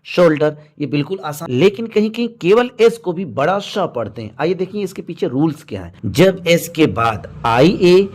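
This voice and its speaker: A man with a slightly higher voice gives a patient pronunciation lesson. He works through lists of words one at a time and corrects the usual mistakes as he goes. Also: big pitch swings. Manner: patient, drills word lists slowly with corrections. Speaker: English pronunciation teacher. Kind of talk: explanatory lesson.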